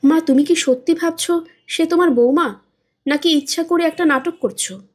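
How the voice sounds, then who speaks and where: A woman's voice: very high-pitched, moderate pace, voice pushed up. A woman voicing a patient adult son reasoning with his mother in a storybook reading. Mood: coaxing. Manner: coaxing, reasoning.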